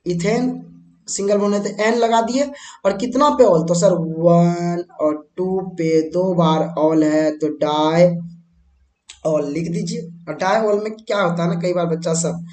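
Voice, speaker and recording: The voice is high-pitched, a bit mellow, and a little slow, heard in a reverberant room. An Indian man is teaching a board-exam chemistry lesson at a whiteboard, conversational throughout, asking his students questions and answering them himself.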